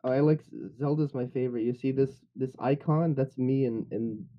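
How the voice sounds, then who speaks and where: A young man chatting in a group call, rambling and joking, his words wandering through fillers and restarts. His voice sits at an ordinary middle pitch. The audio is a little muffled and dull. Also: normal speed. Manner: rambling, jokey, lots of fillers. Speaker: voice actor. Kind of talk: casual group chat.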